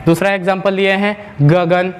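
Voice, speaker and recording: A man teaching English spelling rules in a classroom lesson, repeating himself, stretching out sounds slowly and asking the class rhetorical questions. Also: sits high, little pitch movement, slight background noise. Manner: repetitive, drawn-out sounds, asks rhetorical questions.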